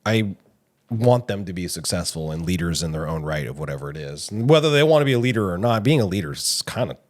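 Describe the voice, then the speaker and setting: A middle-aged man co-hosting a casual podcast, talking in an animated way and often restarting his sentences. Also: low-pitched, fast. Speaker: podcast co-host. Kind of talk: casual chat.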